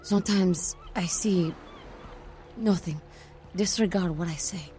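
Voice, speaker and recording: Dark, mellow, eerie young seer. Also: female voice, on the low side, faint music behind. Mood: weary, ominous. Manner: eerie, halting, prophetic, speaking in riddles. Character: cryptic, troubled young female seer telling dark fortunes. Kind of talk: dramatic video game acting. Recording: noisy, with background ambience.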